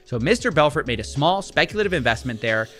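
A man in his thirties, a video presenter investigating scams, delivers incredulous, emphatic investigative commentary into a close desk microphone in a small indoor studio. His fairly high voice swings widely in pitch and is fast, bright and forceful. Faint music plays behind him.

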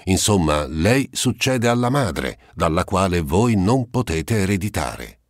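A man's voice: sits low, big pitch swings, measured pace, no echo, clean studio sound. A man playing a shrewd, persuasive notary. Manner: earnest, persuading legal explanation. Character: middle-aged male notary, persuasive and shrewd.

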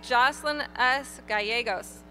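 A woman reading graduates' names one by one at an outdoor graduation ceremony, in a clear, measured announcing manner. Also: sits high, bright, forceful tone, faint music behind. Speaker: graduation name reader. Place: outdoor stadium ceremony over PA.

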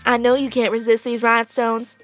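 A woman's voice: a little high, little pitch movement, fairly quick, music in the background, pitched below the performer's own voice, close to an everyday voice. A woman voicing a vain, pushy, vengeful young fashion doll in a melodramatic, self-assured way for an amateur doll skit. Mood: smug.

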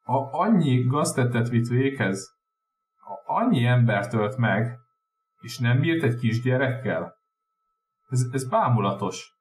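A man's voice: mid-range voice, recorded from a distance, a little hiss or hum, natural voice. A man voicing a stern, anxious older female professor who stammers when upset, in a roomy room. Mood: stunned.

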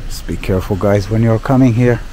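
A man's voice: on the low side, fairly quick, warm tone, slight background noise. A young man from Romania filming a casual travel vlog outdoors, talking to his viewers and exclaiming at what he sees. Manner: exclaims often, loose fillers, talks to viewers as guys. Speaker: travel vlogger. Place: outdoors in a town street.

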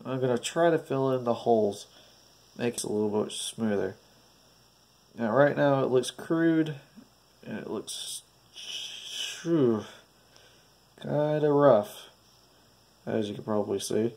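A stuffy, nasal man narrates a casual craft tutorial, his mellow voice carrying a gravelly fry. He talks through each step in a hesitant, hopeful way. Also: medium pitch, measured pace, pauses often. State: stuffy, congested. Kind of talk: casual DIY painting tutorial.

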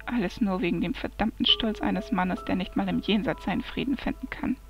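A woman's voice: mid-range voice, fairly quick, gravelly, pitched below the performer's own voice, close to an everyday voice. A woman voicing a grumbling loyal male raven. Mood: bitter. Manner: muttering, grumbling. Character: grumpy loyal male raven in human form. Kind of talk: amateur fantasy audiobook reading. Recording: dull lo-fi recording, soft music behind.

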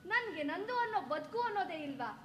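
A woman's voice: very high voice, sing-song, quick pace, a little hiss or hum. A woman acting the spirit of a dead young wife in a stage drama, speaking in a bitter, cutting, reproachful way. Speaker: stage actor. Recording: echoey stage sound.

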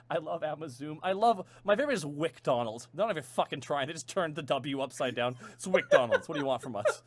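Lively co-host, upbeat voice that swings all over, jokey and crude, fairly high. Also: male voice, normal speed. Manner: excitable, joking, profane. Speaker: let's play co-host. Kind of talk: casual gaming commentary.

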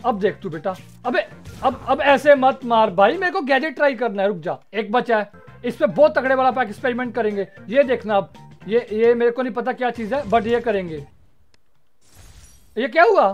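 A man's voice: extremely high pitch, animated, brisk, dull audio, faint music behind. A man giving comic, playful commentary while playing a game, bantering with the characters on screen. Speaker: gaming YouTuber.

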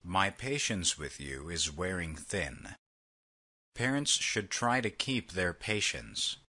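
A man reading vocabulary words and example sentences slowly, with a husky voice. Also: deep voice, sing-song, pushed and bright. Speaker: vocabulary lesson reader. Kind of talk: slow read example sentences.

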